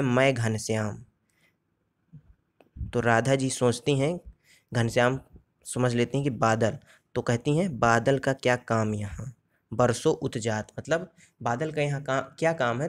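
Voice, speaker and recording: A man teaching an exam-prep grammar lesson in a mid-range voice that sits at an ordinary height for a man. He explains each point step by step, puts questions to his listeners and answers them himself. When he quotes verse, he slows down and recites it deliberately. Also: mid-range voice. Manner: recites verse examples slowly.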